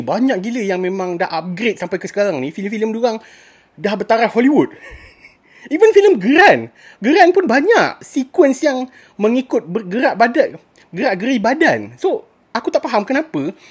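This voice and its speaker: Animated husky Malaysian woman ranting. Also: mid-range voice. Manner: exasperated, ranting, mixes in English phrases. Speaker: movie reviewer. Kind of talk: casual spoken movie review.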